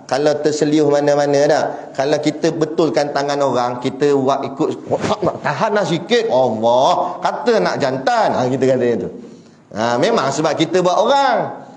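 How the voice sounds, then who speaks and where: A man preaching in a Malaysian Malay accent, telling a story with animated delivery and rhetorical questions. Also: a little high, normal speed, reverberant. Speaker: religious preacher. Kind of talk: sermon.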